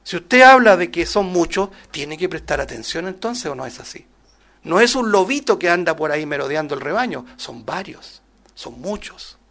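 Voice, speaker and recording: A man preaching a Bible-study sermon, rising loud on scripture quotes and dropping soft on asides, often calling listeners "brother" and asking rhetorical questions. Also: fairly high pitch, sing-song, normal speed, vocal fry. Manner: addresses listeners as "hermano", many rhetorical questions.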